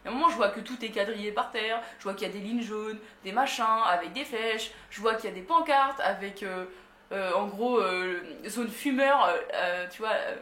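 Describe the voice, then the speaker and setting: A woman's voice: medium pitch, normal speed, pushed and bright. A young woman from France telling a story in a casual, slangy way, laughing often. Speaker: vlogger. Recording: roomy echo.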